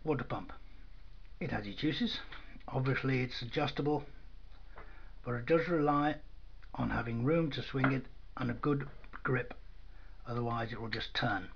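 Working at a bench indoors, a man demonstrates a product informally, his tone dry and matter-of-fact. He speaks at medium pitch and a moderate pace, leaving long pauses. The camera mic yields dull, lo-fi sound with clear noise.

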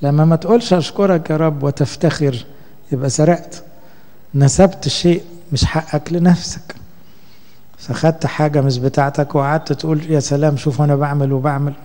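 Egyptian priest giving a sermon, chatty, slows down for the verses, long reverb. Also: male voice, fairly high pitch, fairly even intonation, warm tone. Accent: Egyptian Arabic. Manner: conversational preaching, slow when quoting scripture.

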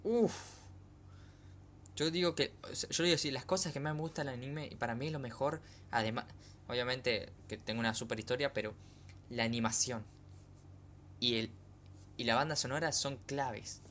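A young man reacts live as an excited anime fan, exclaiming and repeating himself in casual commentary. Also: mid-range voice, normal speed. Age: young adult. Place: small bedroom, indoors. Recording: noisy home webcam recording.

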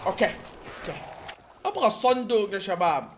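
A young man with a Hijazi Saudi accent, giving excitable play-by-play commentary to his viewers and breaking into shouts. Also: sits high, brisk, a little hiss or hum. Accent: Saudi Hijazi Arabic. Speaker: gaming YouTuber. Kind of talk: live gameplay commentary.

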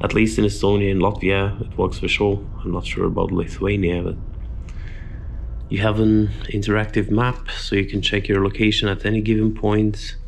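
A man in his thirties talks through a casual travel vlog in a low, gravelly voice, taking his time. He is relaxed and chatty, throwing in wry asides about himself. A faint hum of room and street sound sits under the handheld camera mic. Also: normal speed. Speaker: travel vlogger. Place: indoors in a hostel, then outdoors in snowy streets and on a bus.

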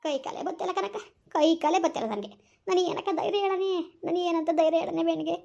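A woman playing a distraught older village mother in a family drama, wailing and scolding in quick rural speech. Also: extremely high pitch, vocal fry, darkish tone. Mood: despairing.

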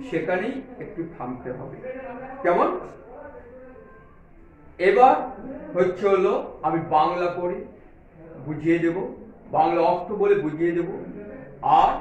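A man teaching English in Bengali, with a Bengali accent, speaking slowly and deliberately and spelling words out letter by letter. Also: high-pitched. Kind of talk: classroom lesson explaining an English text in Bengali. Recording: very echoey room, voice far from the mic, crowd noise.

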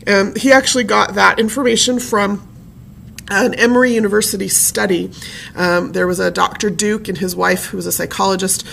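A woman gives a conversational presentation in a chatty, personal way, filling her pauses with frequent ums. Her voice sits in a middle range with a noticeable creaky, gravelly edge. A faint noise sits behind her. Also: medium pitch, steady tone, fairly bright tone. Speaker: presenter at a family history talk.

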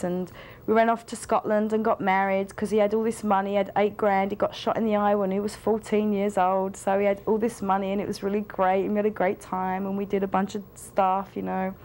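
Talking to the camera in an indoor studio against a plain wall, a young adult woman tells a personal story. She rambles, with lots of fillers and restarts. Her voice is mid-range with a darkish tone.

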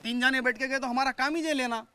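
Hyderabadi man, comedy sketch traffic cop; bright, smooth, lecturing tone. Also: very high voice, fairly even intonation, quick pace, dry recording. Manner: stern, lecturing.

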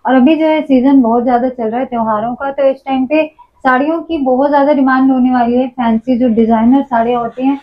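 A woman hosting a promotional shop video, explaining options to viewers with drawn-out fillers. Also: high-pitched, fairly even intonation. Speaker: host presenting a wholesale shop. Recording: dull lo-fi sound.

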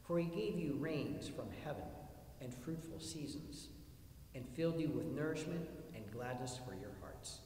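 Man, priest, solemn measured recitation, mellow tone, roomy distant church sound. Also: mid-range voice, lively intonation, slight background noise. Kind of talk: liturgical reading and prayer at Mass.

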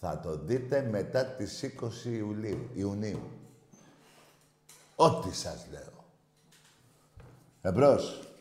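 A man hosting a call-in radio show, brash and insulting, shouting at callers. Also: on the low side, big pitch swings, long pauses, echoey room. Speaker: radio show host taking calls.

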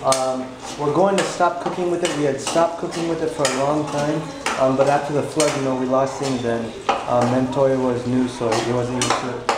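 A young man chats loosely to his handheld camera as he films in a small tiled kitchen. His voice sits at an ordinary middle pitch. He fills his talk with ums, and the hard walls give it a bright echo. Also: moderate pace, heavy background noise. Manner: relaxed, rambling, many ums. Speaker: vlog co-host. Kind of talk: casual vlog commentary. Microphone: handheld compact camera.

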